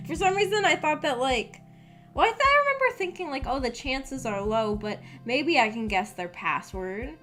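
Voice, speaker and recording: A woman streamer chats casually with viewers over background music, rambling through personal stories in a self-deprecating, hesitant, giggly way. Her voice sits high and is expressive with a sharp tone, at a moderate pace.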